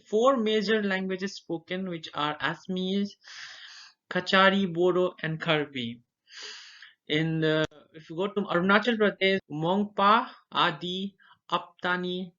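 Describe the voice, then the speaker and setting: A young student from Darjeeling, India, whose native language is Nepali, gives an informal educational talk, listing items one at a time and pausing to recall names. His voice is high with a sharp tone, and the lo-fi recording sounds dull.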